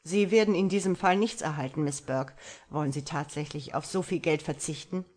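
A commanding, passionate gentleman from a romance audiobook, given to forceful, exasperated outbursts. A woman reads him in her own low, slightly husky voice, barely changing it. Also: brisk. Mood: wütend.

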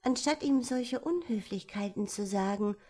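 A woman doing a gentle, tactful elder sister. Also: mid-range voice, moderate pace, close to an everyday voice. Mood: scolding. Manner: courteous, soft-hearted. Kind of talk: storybook reading.

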